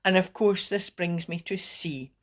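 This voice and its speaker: Her voice sits on the low side and she never hurries as she, a wellbeing coach, walks a live video audience through calming techniques. She is gentle and encouraging, with frequent restarted sentences.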